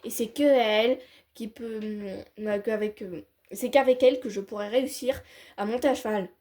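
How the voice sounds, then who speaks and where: Woman doing a spoiled bratty girl rider, whiny, pushy, loud and high. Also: fairly even intonation, moderate pace, close to an everyday voice. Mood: stubborn. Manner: whiny, insistent demands.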